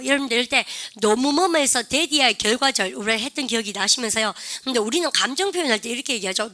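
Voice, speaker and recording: A woman teaching an English speaking class, animated and drilling her students with prompts and slow, drawn-out example phrases. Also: on the high side. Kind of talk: classroom lesson.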